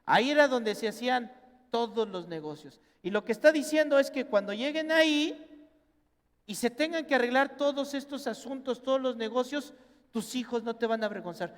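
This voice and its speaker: A middle-aged man with a Mexican accent preaching a sermon as pastor, animated and acting out family members in quoted voices. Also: extremely high pitch, normal speed. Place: church hall. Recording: long reverb in a church hall.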